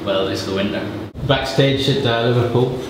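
Guy interviewer backstage, deadpan questions, echoey, noisy room. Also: medium pitch, moderate pace. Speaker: music magazine interviewer. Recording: echoey room with background noise.

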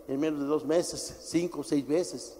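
A middle-aged man preaching a sermon as pastor, forceful and emphatic, swinging from shouts to low asides. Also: steady tone, unhurried. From Mexico. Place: church. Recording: church hall with long reverb.

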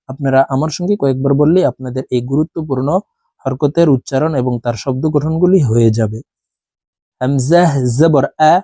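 A man teaching Quran reading in a Bengali lesson, moving between brisk explanations and slow, drawn-out chanting of letter and vowel drills. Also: mid-range voice, mellow, dry recording. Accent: Bangladeshi Bengali.

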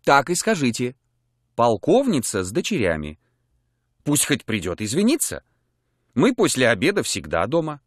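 A haughty, scheming colonel's wife, voiced by a man in an audiobook. She talks up high and lively with grand airs. The sound is dry and close. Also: moderate pace, pauses often, no room sound. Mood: sweetly insistent. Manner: indignant, commanding, then coyly sweet. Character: pompous middle-aged colonel's widow, haughty and scheming. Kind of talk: audiobook character voice. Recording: dry close studio mic.

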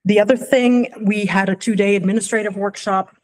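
A school superintendent, a woman with a mid-range voice and steady tone, delivers her report to the board in a library room. She speaks informally, with a somewhat halting delivery.

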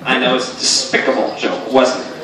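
A man's voice: medium pitch, fairly quick, crowd noise. Young guy on a comedy stage, kinda hesitant, casual, big echo, recorded from far off. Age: young adult. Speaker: amateur ventriloquist. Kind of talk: casual stage comedy, straight man to a puppet. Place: small indoor comedy stage, filmed from the audience. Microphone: stage mic picked up by far camera. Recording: echoey noisy venue, distant camera mic.

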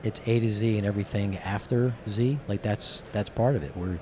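Hoarse, raspy man from New Jersey. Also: lowish voice, fairly quick, mellow. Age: middle-aged. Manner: rambling, colloquial. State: hoarse, voice nearly gone. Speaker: interview guest, company executive. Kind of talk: casual interview talk. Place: curtained booth at a convention. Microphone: handheld microphone held close, with headphones. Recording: clear background noise of convention hall.

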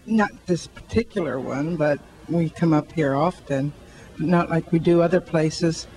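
A woman's voice: low-pitched, unhurried, warm tone, low-quality recording. Friendly, earnest older woman. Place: indoor shopping mall. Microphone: handheld mic held by interviewer.

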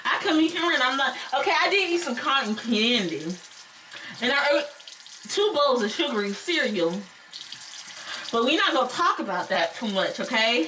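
A woman's voice: high-pitched, big pitch swings, moderate pace, far from the mic, noisy background. A young adult woman chatting casually to her viewers as a beauty vlogger, playful and rambling, laughing often. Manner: talks with her eyes closed. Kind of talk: casual chat to camera.

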